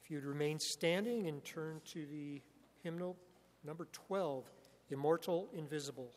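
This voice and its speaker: A man leading a church liturgy in a formal, measured way, his voice ringing with a cathedral-like echo in a large sanctuary. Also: fairly high pitch. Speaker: worship leader. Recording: long church hall reverb.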